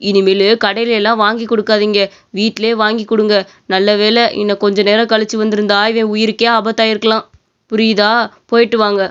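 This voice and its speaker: A woman voicing a calm male doctor giving firm advice, in a cartoon story. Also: medium pitch, a little fast, smooth, lightly acted. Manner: firm, advising. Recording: dull lo-fi cartoon audio.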